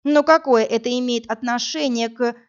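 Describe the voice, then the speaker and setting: An agitated young woman, as a female narrator voices her, pressing her point insistently. Her pitch is fairly high, and the recording is dull and lo-fi. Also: normal speed, smooth, lightly acted. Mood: indignant. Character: indignant young woman office worker.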